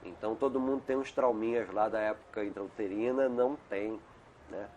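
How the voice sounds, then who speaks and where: Talking briskly in a lowish, darkish voice, a middle-aged man who is a doctor appears as an interview guest via video call. His manner is relaxed and digressive, with lots of "né?" tags, and there's slight background noise.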